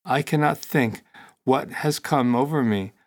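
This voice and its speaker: A man's voice: medium pitch, unhurried, natural voice. Cyrus, an eager boy prince, read by a man. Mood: troubled.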